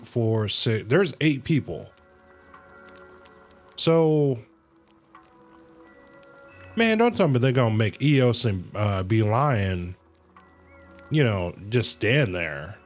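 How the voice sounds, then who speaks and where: Medium in pitch and sing-song, this man's voice moves at a slow pace with frequent pauses. He livestreams a game, reading its dialogue aloud casually and reacting in slang, sometimes stumbling and self-correcting, over video game music.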